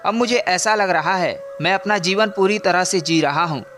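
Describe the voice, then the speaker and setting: A man voicing a young prince in a storybook, calm and reflective, speaking in a steady, earnest way. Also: sits high, moderate pace. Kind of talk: scripted storybook narration.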